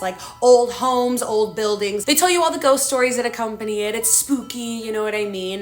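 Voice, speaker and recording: A young woman telling a spooky story in a chatty, animated way, full of casual fillers. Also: on the high side.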